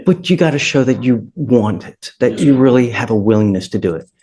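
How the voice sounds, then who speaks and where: A man's voice: medium pitch, expressive, a little fast, warm tone. A male judge talking informally and colloquially from the bench in court. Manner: conversational, colloquial.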